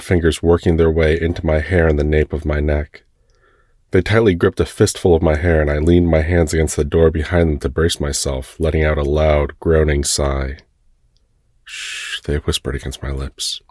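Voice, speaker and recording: A man reads a first-person erotic story in a soft, unhurried voice. His voice is very deep with a husky grain. The recording is close and dry. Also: no room sound. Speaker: story narrator.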